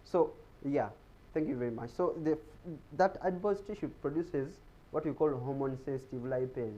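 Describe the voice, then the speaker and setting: This health guest speaker talks in a mid-range, warm voice at normal speed, and the audio sounds dull. He's in a TV studio giving an explanatory talk, often saying words twice as he searches for what comes next.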